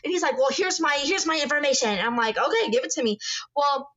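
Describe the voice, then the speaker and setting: A woman's voice: high-pitched, animated, quick pace, fairly bright tone, lo-fi sound. A young woman co-hosting a podcast, telling a story animatedly with lots of swearing. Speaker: podcast co-host. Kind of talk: casual chat.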